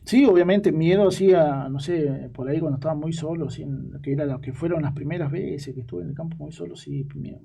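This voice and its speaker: A young man telling stories from his years as a ranch hand in an interview, halting and repeating his words. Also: on the high side, vocal fry, warm tone, breathy edge. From Argentina. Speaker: guest, former ranch hand. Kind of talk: storytelling interview.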